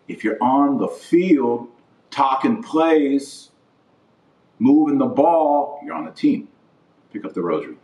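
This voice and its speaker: Bluntly and with heavy emphasis, a religious podcast host repeats his points in a passionate monologue of opinion. He speaks in a mid-range, darkish voice, captured from a distance with a roomy echo.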